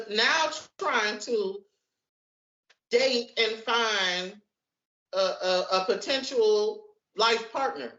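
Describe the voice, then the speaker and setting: A woman's voice: mid-range voice, very slow, pauses often, fairly bright tone. Frank woman in her forties, echoey lo-fi. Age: 40s. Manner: frank and conversational, repeats words as she thinks. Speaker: podcast co-host. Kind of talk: casual podcast discussion. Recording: lo-fi echoey room audio.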